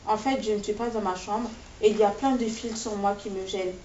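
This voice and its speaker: A woman author reading aloud from her own novel in a steady, measured way, in short phrases, in a classroom. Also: mid-range voice, slight background noise. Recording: distant, echoey, dull-sounding recording.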